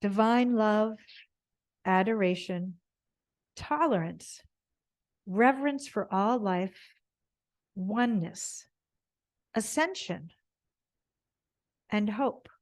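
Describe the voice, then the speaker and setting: A woman with a mid-range voice teaches gentle yoga through an improvised spiritual body scan. She speaks haltingly and wanders, reaching for her words.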